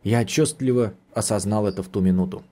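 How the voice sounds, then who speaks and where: A man reading a novel aloud in the first person, with a measured, steady storytelling delivery. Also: lowish voice. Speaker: audiobook narrator.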